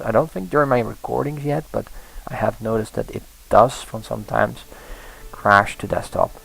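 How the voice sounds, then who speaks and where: A man's voice: medium pitch, creaky, fairly bright tone, poor audio. A man casually commenting on a game he is playing, thinking aloud with frequent restarts and small laughs. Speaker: let's play host.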